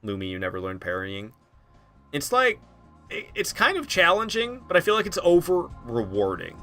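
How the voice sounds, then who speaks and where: A man's voice: fairly high pitch, huge pitch swings, normal speed, pushed and bright, soft background music. A man casually commenting while playing a game on a live stream, rambling and laughing, talking to his chat. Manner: chatty, rambling, laughs often, talks to chat.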